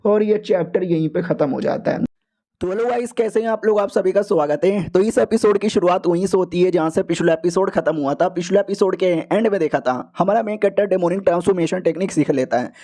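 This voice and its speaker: A man retelling a story in a chatty, slang-filled voice, full of comic asides. His voice sits high for a man yet sounds soft and mellow rather than bright. He talks to his listeners like friends. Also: a little fast. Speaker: manhua recap narrator. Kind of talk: casual slangy story recap.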